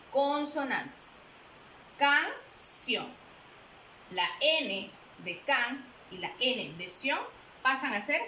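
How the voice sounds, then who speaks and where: Patient woman teacher going over the lesson, bright voice, echoey room with a bit of noise. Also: high-pitched. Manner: patient, repeats and quizzes listeners. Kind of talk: classroom lesson. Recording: roomy with faint noise.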